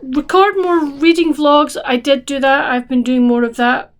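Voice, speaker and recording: A woman with a fairly high voice talks casually to her viewers as a book vlogger. She rambles along with many restarts and fillers. She sounds a bit tired. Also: steady tone, moderate pace. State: tired, yawning. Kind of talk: casual chat to camera.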